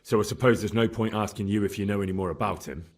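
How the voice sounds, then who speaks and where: An actor playing a calm young man who questions a prisoner in a game, speaking in a measured way. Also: fairly low pitch. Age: young adult.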